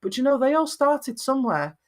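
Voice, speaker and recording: Woman, middle-aged, Lancashire accent, very flat vowels, encouraging, conversational coaching. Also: sits high, a little fast. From Lancashire, northwest England. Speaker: video confidence coach and podcaster. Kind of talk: conversational advice in an interview.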